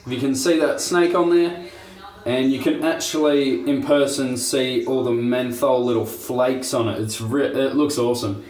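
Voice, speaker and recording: A man's voice: mid-range voice, fairly even intonation, a little slow, darkish tone. A young man hosting a casual shaving review, chatty and laid-back, laughing at himself. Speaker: shaving video host. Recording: roomy home recording.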